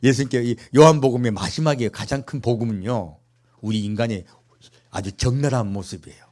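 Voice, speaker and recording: A pastor preaching a sermon in a church, asking the congregation rhetorical questions, with playful humorous asides. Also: male voice, medium pitch, a little fast, a little mellow.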